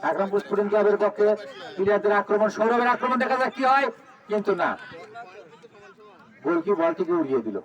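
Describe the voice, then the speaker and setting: A Bangladeshi man giving excited, urgent live football commentary, repeating players' names and calls. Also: high-pitched, fast, long pauses, recorded from a distance, muffled recording. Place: outdoors at a local football ground.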